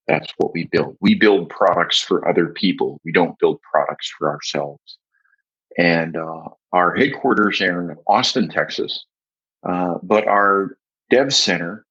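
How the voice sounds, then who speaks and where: An older man, founder of a software agency, answering podcast questions in a measured way with many "uh" pauses, on dull lo-fi audio. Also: sits low, husky. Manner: measured, with frequent "uh" fillers.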